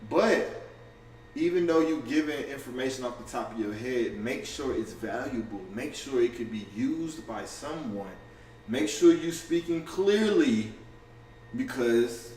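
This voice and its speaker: A man's voice: medium pitch, a little mellow, distant mic, a little hiss or hum. A man chatting loosely to his camera in a casual livestream, slangy and profane, tripping over restarts and tossing in "you feel me." He is heard from some way off in a roomy space with faint ambience behind him. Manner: fast and offhand. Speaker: content creator going live.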